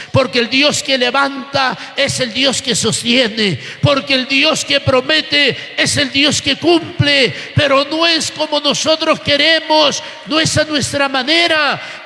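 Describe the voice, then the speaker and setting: Fervent preacher man, high gravelly tone, shouting sermon in a reverberant church. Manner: fervent, often shouting, repeated calls of "hermano". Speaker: pastor. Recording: echoey church hall.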